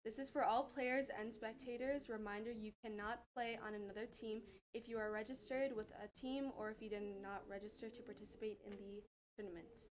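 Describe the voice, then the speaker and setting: A teenage girl reading school announcements in a small school studio, with a steady read and small restarts. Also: on the high side, brisk, low-quality recording. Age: teens. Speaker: student announcer.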